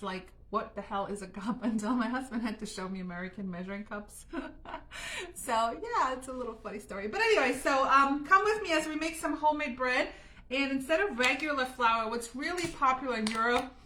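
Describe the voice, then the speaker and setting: Hosting a live baking stream from her home kitchen, this German woman speaks straight to her viewers and laughs a lot. Her voice is slightly high, with a bright and forceful edge. It's relaxed, chatty cooking talk.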